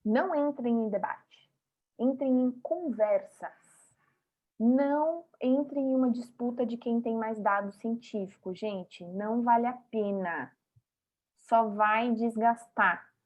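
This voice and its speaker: Woman, high voice, emphatic motivational talk, muffled lo-fi recording. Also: a bit bright. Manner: emphatic, rhythmic, addresses the audience directly. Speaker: speaker at a vegan festival talk.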